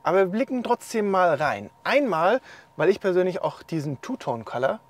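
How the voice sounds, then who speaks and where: A man presenting a car's rear seats from inside the car, explaining features in a relaxed way. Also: high voice, brisk. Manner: relaxed, explanatory, pointing things out. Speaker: car reviewer. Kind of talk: casual car walkthrough.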